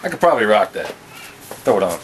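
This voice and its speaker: A young man with a lowish voice talks offhandedly, listing items in a casual show-and-tell. He is recorded on a handheld camera in a cluttered basement room, with faint background noise under his voice. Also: very animated, quick pace, low-quality recording. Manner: offhand, rattling off items with fillers. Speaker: collector showing his collection.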